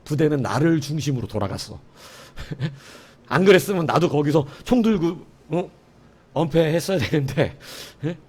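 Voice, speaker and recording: A man's voice: on the high side, expressive, moderate pace, husky. A middle-aged man preaching a sermon as pastor, telling a story with sound effects and asides to the congregation.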